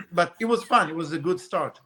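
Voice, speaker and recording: Bright, high-voiced man chatting casually. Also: normal speed, slight background noise. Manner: rambling, animated storytelling with frequent fillers. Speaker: guest, RC car racer. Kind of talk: casual podcast chat.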